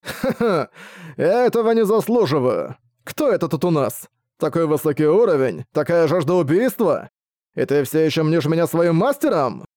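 In a dry, studio-quality recording, a man plays a stern elderly sect master, coldly contemptuous and mocking. His natural voice is pushed above his own pitch, landing a little high, expressive and a little mellow at a moderate pace.

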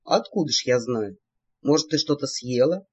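Audiobook: woman plays a deadpan, teasing young male mage in a lowered voice. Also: breathy edge, heavily acted. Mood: dry teasing. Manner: dry, deadpan, slow. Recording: dull lo-fi recording.

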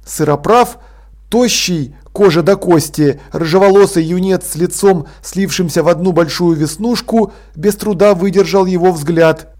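High-voiced man narrating an audiobook. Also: a little slow, darkish tone. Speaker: audiobook reader. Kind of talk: scripted narration.

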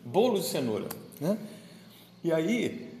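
A man delivering a homely, chatty sermon, his pitch rising and dipping in a lively way. He is recorded in a roomy space with a long reverb tail and faint ambient noise behind him. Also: slow pace. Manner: conversational, playful, chatting with listeners present. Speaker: pastor. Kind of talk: informal daily homily.

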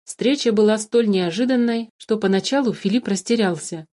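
A woman narrating a children's fairy-tale story in an expressive reading voice. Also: mid-range voice, normal speed.

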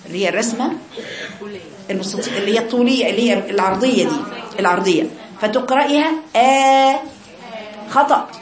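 A woman's voice: medium pitch, lively intonation, rapid-fire, long pauses, roomy sound, a crowd in the background. An Egyptian woman teaching a Quran recitation lesson, speaking to her girl students and demonstrating the sounds herself. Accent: Egyptian Arabic.

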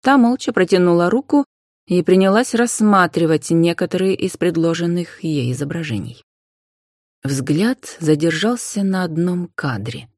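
A woman narrating a novel in a measured, even reading voice. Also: on the low side, dry recording, studio quality. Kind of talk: scripted audiobook narration.

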